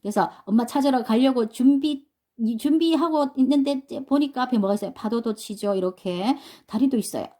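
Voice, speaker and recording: Patiently repeating herself, a woman walks adult learners through English pronunciation step by step and frequently puts questions to the class. She speaks fairly quickly in a fairly high, mellow voice.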